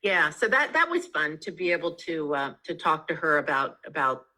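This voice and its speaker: A woman's voice: sits low, big pitch swings, normal speed, pushed and bright, poor audio. A woman author being interviewed over a video call, talking in a chatty way with many ums and restarts. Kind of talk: casual interview chat. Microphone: video call mic.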